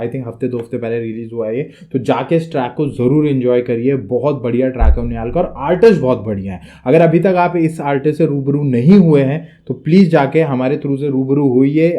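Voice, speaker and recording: A man's voice: medium pitch, a little fast, hardly any pauses, warm tone. A man from Uttarakhand co-hosting a hip hop reaction show, chatting casually and enthusiastically and often echoing his partner. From Uttarakhand, India. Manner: enthusiastic, repeats his co-host's words.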